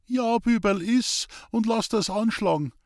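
Male reader doing an anxious bedridden farmhand, high and pleading. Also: a little slow, no echo, studio quality. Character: sickly young farmhand Hans Peter, anxious.

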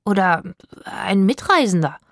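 A woman's voice: mid-range voice, very animated, unhurried, no room sound, studio quality. A woman voicing an indignant young girl in an audiobook. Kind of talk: audiobook narration.

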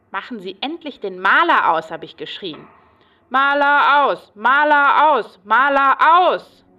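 A woman's voice: on the low side, pushed and bright, distant mic, muffled recording, heavily acted. An actress voicing an agitated, paranoid woman psychiatric patient who rambles obsessively in a radio play.

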